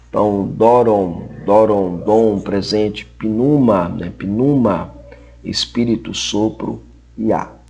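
A man with a Brazilian Portuguese accent teaching a recorded lesson, slowly repeating example words and checking in with frequent tag questions. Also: on the low side, a little mellow. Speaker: Greek language teacher. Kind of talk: recorded classroom lecture.

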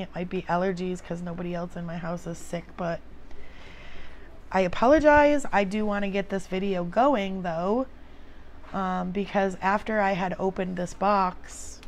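Slow-paced, slightly creaky woman, casual unboxing. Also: mid-range voice, darkish tone, a little hiss or hum. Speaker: video host.

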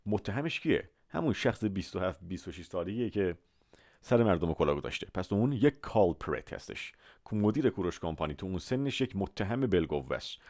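Low-voiced, lively male vocabulary teacher. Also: dry recording, studio quality. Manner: slow, drawn-out model pronunciations of English words; repeats words and asks listeners to say them after him. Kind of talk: Persian-language vocabulary lesson with English examples.

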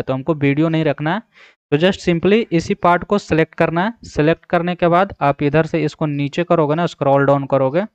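The tutorial host, a man with a fairly high, clear and resonant voice, gives step-by-step instructions for an app and often checks in with the listener through repetitive verbal cues. The voice-over has no echo and sounds dry and slightly dull.

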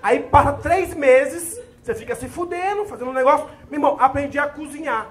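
A young adult man from Brazil doing a profane, animated stand-up routine, with a crowd laughing in the background. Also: extremely high pitch, fairly quick. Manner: profane, animated storytelling with shouted sergeant bits. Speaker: stand-up comedian. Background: audience laughter.

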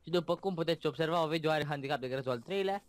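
A man joking with friends during an online game, teasing in a mock-formal announcer tone. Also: on the high side. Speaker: gaming friend. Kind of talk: casual gaming chat with friends.

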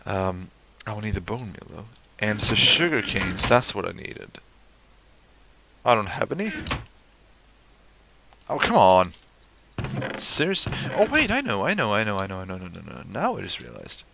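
A man's voice: lowish voice, very animated, moderate pace, gravelly, pauses often, noisy background. A young man giving casual let's play commentary, swearing and talking to the creatures in his game. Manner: swears at the game, talks to mobs.

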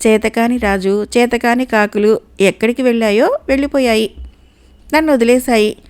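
A woman's voice: fairly high pitch, steady tone, normal speed, darkish tone, smooth, close to an everyday voice. A woman doing a scheming crow minister. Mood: pleading. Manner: pleading, storytelling tone. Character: cunning male crow minister, calm and scheming.

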